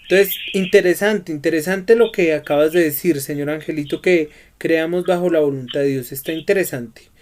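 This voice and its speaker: A man's voice: fairly high pitch, moderate pace, darkish tone, a little hiss or hum. A man teaching a Bible study lesson who keeps asking his students questions and prompting their answers.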